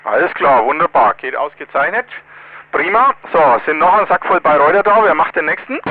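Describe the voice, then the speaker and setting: A man with a fairly high voice comes over a walkie-talkie, thin and narrow-band. The sound is dry, without room echo. He runs a casual radio check-in with brisk, clipped procedure. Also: lively intonation. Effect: two-way radio, walkie-talkie. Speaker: amateur radio net controller. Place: closed container.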